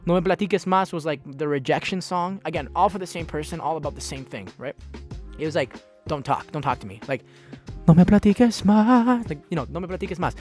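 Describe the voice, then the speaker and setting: On his casual solo podcast, a young Dominican-Peruvian man rambles freely, swearing a lot and restarting his sentences. He speaks briskly in a slightly high, somewhat mellow voice, with faint music behind him.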